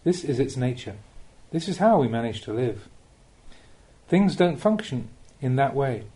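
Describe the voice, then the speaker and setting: A Buddhist monk reads a written spiritual teaching aloud as an audiobook, speaking deliberately and in measured phrases while raising rhetorical questions. His medium-pitched voice is very animated and dark in tone.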